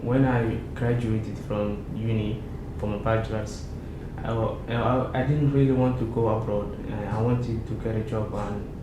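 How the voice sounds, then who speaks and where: A man's voice: fairly low pitch, steady tone, measured pace, hardly any pauses. A young man from Somalia answering interview questions casually, with hesitant speech and frequent restarts. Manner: hesitant, many restarts and fillers. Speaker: interview guest, MBA student. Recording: echoey room with background noise.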